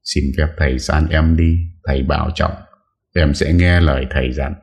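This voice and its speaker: A young disciple speaks respectfully through sniffles, as a man reading a storybook puts him on. The voice stays extremely low. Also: fairly even intonation, moderate pace, a little mellow. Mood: tearful. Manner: tearful, respectful. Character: young male disciple, tearful and obedient.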